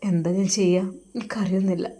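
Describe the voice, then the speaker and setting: A woman's voice: medium pitch, fairly even intonation, lightly acted. Woman voicing a heartbroken young cleric. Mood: grieving. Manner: sorrowful, halting, soft-spoken.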